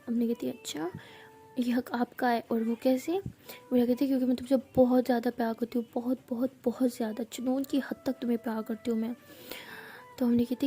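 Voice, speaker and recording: A woman casually retelling a romance story, acting out the characters' lines herself and dropping to soft whispers in tender moments. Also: a little high. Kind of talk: casual spoken storytelling with acted dialogue.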